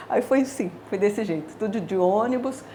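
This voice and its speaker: A woman's voice: medium pitch, moderate pace, dark tone, slight background noise. A woman in her sixties with a Brazilian Portuguese accent, a dermatology professor recounting her career in a reflective, hesitant way with many filler words. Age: 60s. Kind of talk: personal career testimony.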